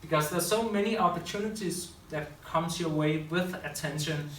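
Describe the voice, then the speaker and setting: A man with a voice on the high side talks at a moderate pace, giving a loose, unscripted public talk and often correcting himself mid-sentence. He is a public speaker and school teacher addressing an audience in a room. The recording is echoey and distant, with faint hiss.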